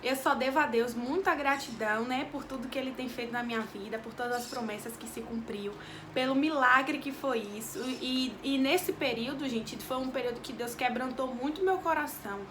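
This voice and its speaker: In her vlog, a young woman from Bahia, Brazil, recounts a heartfelt religious story from her life, echoing phrases as she goes, in Bahian Brazilian Portuguese. She speaks fairly quickly in a high-pitched voice over background noise.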